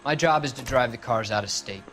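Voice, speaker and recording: Brief: male actor as defensive small-time car thief, slangy, medium pitch, 1940s crime game, music behind. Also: brisk, a bit bright, lightly acted. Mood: cornered, giving in. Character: defiant, cornered male car thief under police questioning. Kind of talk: video game voice acting, 1940s crime drama.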